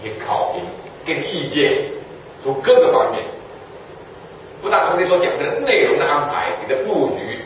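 A man delivers a sermon in a fairly high voice, teaching his listeners through rhetorical questions that he answers himself. He sounds distant from the mic, in a very echoey room. The recording is dull and lo-fi, with a faint hum of room ambience underneath. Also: animated, normal speed. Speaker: preacher.

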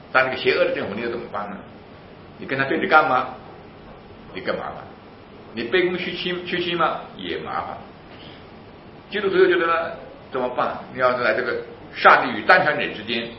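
Fast-talking man preaching in an echoey room. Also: medium pitch, slight background noise. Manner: asks rhetorical questions and answers them himself; animated and emphatic. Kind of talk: sermon. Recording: roomy, slightly dull recording.

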